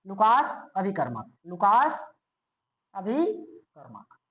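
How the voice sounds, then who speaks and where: A woman's voice: mid-range voice, huge pitch swings, slow pace, a bit bright, low-quality recording. A woman teaching a chemistry lesson, asking students repeated check questions and then answering them herself. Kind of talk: classroom lecture.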